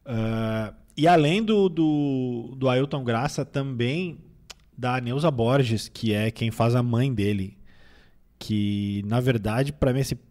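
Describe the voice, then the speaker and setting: A man whose voice is nasal from a cold he's recovering from chats casually as a film critic, medium-pitched and taking it slowly. His relaxed film review talk rambles and restarts.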